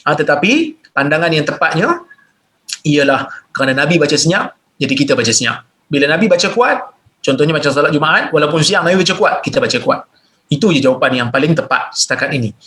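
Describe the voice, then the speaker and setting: A man with a Malaysian Malay accent reading out listeners' questions and answering them in a religious Q&A lecture, explaining plainly and jumping up in pitch to stress points. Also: very animated, fast, pushed and bright. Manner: reads questions aloud then explains plainly.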